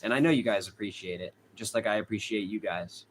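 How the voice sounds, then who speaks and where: A young man with a Boston accent hosts a casual true crime livestream from a hot room at home, chatting with viewers, reading their comments aloud, and laughing often. His voice is lowish and brisk, with slight background noise.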